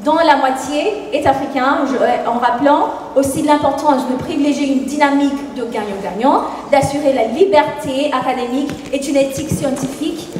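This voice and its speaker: A woman with a Kenyan accent delivers a formal, measured closing summary, now and then correcting herself. Her voice is high and distant from the mic. It carries a very strong echo with a long reverb tail from a large hall. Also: a little mellow, a little hiss or hum. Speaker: program manager and moderator.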